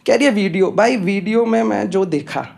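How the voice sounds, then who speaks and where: A young man from India performs stand-up on a comedy club stage, chatting straight to the live audience as he tells a story. His voice is high-pitched, creaky and darkish, at a normal speed, and the club recording is noisy.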